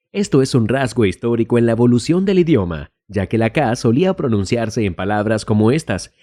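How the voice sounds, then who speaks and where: A man narrating a scripted language lesson in a warm, mellow voice with a lively, rising-and-falling pitch. He slows down to say each English example word carefully, then explains what it means. Faint music plays underneath. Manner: says English example words slowly and carefully, then glosses them. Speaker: English teacher.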